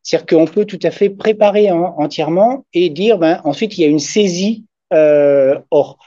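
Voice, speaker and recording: A man whose first language is German presents academic research and answers questions at a university conference, hesitating often and using many fillers in this post-talk discussion. His voice is high and mellow at a normal speed, captured in a dry, dull, muffled recording.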